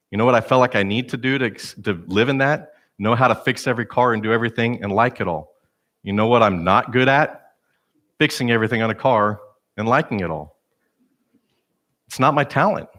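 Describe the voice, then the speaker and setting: A man's voice: medium pitch, a little fast, a bit bright. A male pastor preaching a sermon in a conversational, self-deprecating storytelling manner. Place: church sanctuary.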